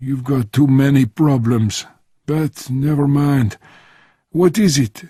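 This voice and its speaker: A man's voice: medium pitch, slow pace, dark tone, breathy edge, no room sound, studio quality, voice pushed up. A man voicing an urbane, wry Frenchman in his seventies, a veteran agent in a spy audiobook. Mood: dry, probing. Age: 70s.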